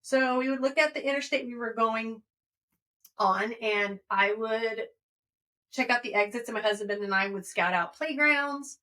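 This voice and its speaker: A woman's voice: fairly high pitch, moderate pace, bright, forceful tone, distant mic. A woman co-hosting a podcast, chatting bluntly and swearing casually. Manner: blunt and profane. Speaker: podcast co-host. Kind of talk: casual chat.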